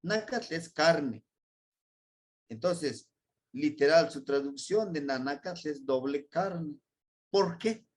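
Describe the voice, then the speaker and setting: Mexican guy teaching a language class, slow and patient, keeps checking "no?" with the class. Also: fairly high pitch, animated. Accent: Mexican Spanish. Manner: patient, repeats and spells out sounds, asks "¿no?".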